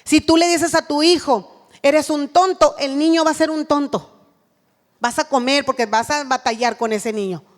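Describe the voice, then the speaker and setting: A woman's voice: high-pitched, fairly even intonation, moderate pace, big-room sound. A woman giving an earnest sermon at a women's church retreat, acting out what a mother says to her child.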